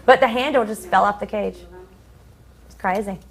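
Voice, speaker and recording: A woman's voice: mid-range voice, vocal fry. A woman co-hosting a casual spooky-themed talk show, chatting in a rambling way about songs and odd happenings. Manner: chatty, rambling, fast when rushed. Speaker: co-host.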